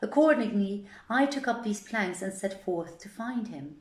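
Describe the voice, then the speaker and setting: With an animated, medium-pitched voice at normal speed, a woman reads an old tale as a storyteller. The language is formal and archaic, the performance theatrical, and the scripted narration echoes in a roomy space.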